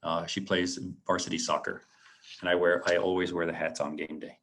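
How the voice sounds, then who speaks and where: A man in his late forties giving a reflective talk to students as an alumnus, earnest and halting, with many ums and restarts. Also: sits low, flat delivery, a bit bright. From San Antonio, Texas. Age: late 40s. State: a little choked up. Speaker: alumnus guest speaker. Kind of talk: presentation to students.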